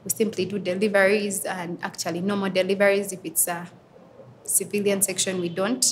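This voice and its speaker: A woman's voice: medium pitch, little pitch movement. Young Ugandan woman, twenties, earnest interviewee, reflective pacing, slight noise bed. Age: 20s. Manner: earnest, reflective, with pauses and fillers. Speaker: interviewee, advocate for women and girls. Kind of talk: answering interview questions.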